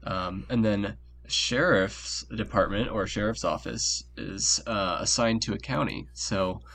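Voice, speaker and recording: Low-voiced man explaining over a call. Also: measured pace, gravelly, fairly bright tone, slight background noise. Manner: laid-back explaining with many fillers. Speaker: podcast co-host. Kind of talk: casual chat on a call.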